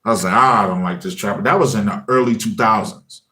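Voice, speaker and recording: A man's voice: fairly low pitch, fast. A man in his forties in a casual, conversational telling of his story, with loose chatty phrasing and lots of "you know what I mean" fillers. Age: 40s. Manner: acts out his own past words in lively quoted asides. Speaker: former high school teacher and music channel creator.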